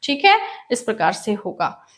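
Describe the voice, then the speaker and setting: A woman teaches a grammar lesson at an unhurried pace. Her voice sits high, and she breaks each example into small pieces. She repeats her questions to the students before giving the answer herself. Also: big pitch swings, a bit bright.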